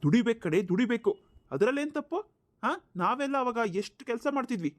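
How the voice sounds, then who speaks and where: A man's voice: extremely high pitch, lively intonation, fast. A man playing a harsh, abusive father in a cartoon, scolding and sneering with mocking laughs. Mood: scornful scolding. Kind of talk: cartoon voice acting.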